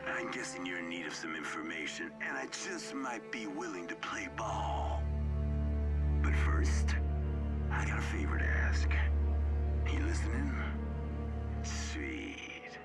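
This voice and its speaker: A smug, streetwise male informant for a video game. He drawls slang in a deep, gravelly, breathy murmur, sly and slippery, over loud background sound. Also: very animated, slow, long pauses, full character voice. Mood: sly, amused. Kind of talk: video game character acting. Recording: loud music and city noise behind.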